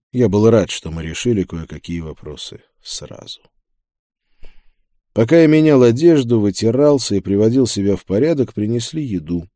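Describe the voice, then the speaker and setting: A man narrating a first-person fantasy audiobook in a measured, grim way. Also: low voice, warm tone, no echo, studio quality.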